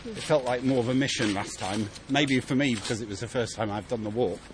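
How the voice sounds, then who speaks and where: A man chatting on a city walk, halting and restarting his sentences. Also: medium pitch. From England. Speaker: walk participant. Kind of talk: casual conversation while walking. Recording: outdoor street noise.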